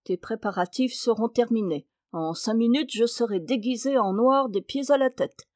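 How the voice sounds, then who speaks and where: A woman's voice: on the high side, moderate pace, a little mellow, no echo, lightly acted. Weary husband, dry sarcastic grumble, close dry sound, woman reading. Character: weary, put-upon husband, mildly sarcastic. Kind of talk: audiobook character reading.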